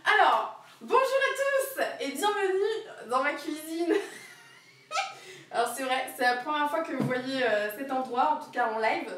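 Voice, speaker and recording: Young woman streamer, high voice, chatty and giggly, rambling asides, mic far across the room. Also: lively intonation, a little slow, fairly bright tone, a little hiss or hum. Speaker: streamer cooking live. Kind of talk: casual live-stream chat while cooking. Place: home kitchen. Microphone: camera on a wobbly tripod across the kitchen. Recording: very echoey kitchen, voice far from the mic.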